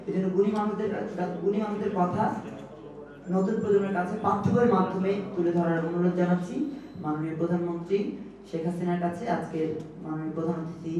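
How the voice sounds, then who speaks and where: A man's voice: sits high, darkish tone. A man giving an emphatic, rhetorical formal speech as a youth representative at a memorial event. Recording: echoey hall, distant dull mic, faint noise.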